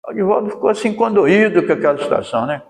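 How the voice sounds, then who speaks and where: A man's voice: sits high, animated, fast, vocal fry. A man with a Brazilian accent giving a folksy storytelling lecture at a spiritist center, full of tag questions. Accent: Brazilian Portuguese. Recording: echoey hall with long reverb.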